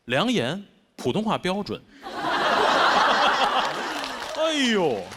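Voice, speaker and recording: A man with a Beijing accent works through a stand-up comedy set with wry, self-mocking timing. His fairly high voice leaps all over in pitch, and steady noise runs under the recording. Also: very slow. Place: stage before a live audience. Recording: constant background noise.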